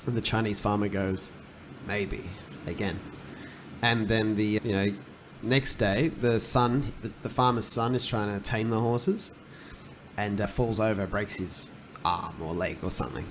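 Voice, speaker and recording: A man's voice: fairly low pitch, steady tone, normal speed, fairly bright tone, slight background noise. A man co-hosting a podcast, thinking aloud and retelling stories in a loose, rambling way. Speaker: podcast co-host. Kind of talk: casual podcast chat.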